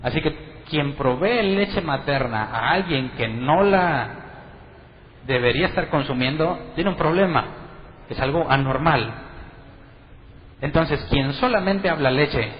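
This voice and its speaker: A man's voice: fairly high pitch, animated, a little slow, big-room sound, muffled recording, slight background noise. A man preaching a sermon to a congregation in a conversational way, asking them questions and acting out what others say. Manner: conversational, asks the congregation questions, acts out quotes. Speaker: pastor.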